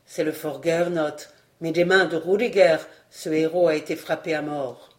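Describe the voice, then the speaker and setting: An audiobook reader voicing a wounded, loyal old male master-at-arms, grave and measured. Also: medium pitch, steady tone, pitched below the performer's own voice, natural voice. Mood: somber. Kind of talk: audiobook reading.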